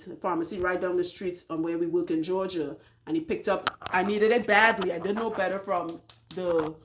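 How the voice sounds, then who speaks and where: A chatty, outspoken woman talks straight to her viewers in a mid-pitched voice, laughing easily. She is blunt and down to earth. A faint hiss of noise sits under her voice. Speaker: loc stylist sharing her regimen. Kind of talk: casual talk to camera.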